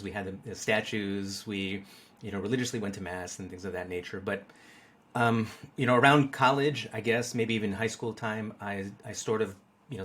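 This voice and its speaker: A middle-aged market researcher, born in Peru and raised in the United States, talks casually as an interview guest, often repeating words while searching for phrasing. His voice is on the low side and a bit bright.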